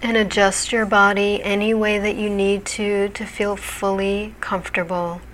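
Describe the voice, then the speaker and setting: Woman doing a hypnosis relaxation thing, really slow and soothing, mid pitched voice. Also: flat delivery, fairly bright tone, a little hiss or hum, low-quality recording. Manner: soothing, deliberate, measured delivery. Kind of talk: guided hypnosis relaxation narration.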